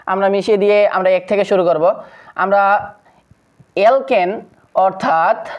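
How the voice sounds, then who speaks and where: A medium-pitched teacher gives a chemistry lesson to secondary students, reciting long lists of compound names in a steady drill. The teacher pauses often on fillers and addresses viewers as friends. The recording is dull and lo-fi.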